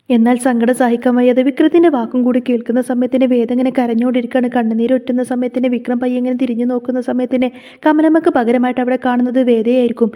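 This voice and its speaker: Fast-talking woman retelling a serial. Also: a little high, dark tone. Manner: chatty storyteller with tag particles. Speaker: narrator.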